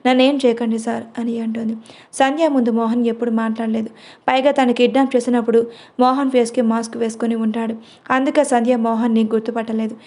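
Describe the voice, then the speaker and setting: A woman narrating a serialized drama story in a steady reading voice. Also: fairly high pitch.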